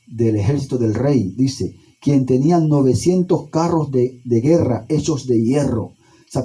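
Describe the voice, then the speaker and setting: Man preaching a sermon, deep mellow tone, kinda husky, lots of pauses. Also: poor audio. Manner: preaching with emphatic pauses and repetition. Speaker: pastor.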